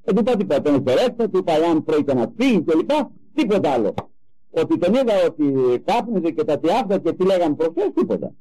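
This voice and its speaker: Older man, high, lively preaching voice. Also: slightly rough, poor audio. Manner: animated, emphatic storytelling. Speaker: religious speaker. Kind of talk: sermon with personal anecdotes.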